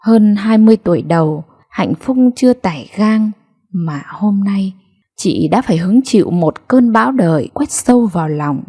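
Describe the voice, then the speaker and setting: A woman storyteller reads a tearful life story in an unhurried, sorrowful way. Her voice sits in a middle pitch, with steady, soft-spoken pacing. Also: husky. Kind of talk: slow emotional audiobook narration.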